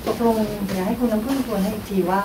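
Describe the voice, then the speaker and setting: A woman's voice: mid-range voice, fast talker, distant mic, noisy background. A woman coaching a teacher through a goal, guiding her with prompting questions. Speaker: workshop coach. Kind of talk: coaching dialogue.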